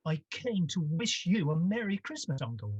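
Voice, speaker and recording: A woman playing a warm-hearted, cheerful young gentleman nephew, earnest and good-natured, in a radio-style drama on a dull video call. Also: lowish voice, sing-song, normal speed, slightly rough, no echo. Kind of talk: vintage radio drama acting.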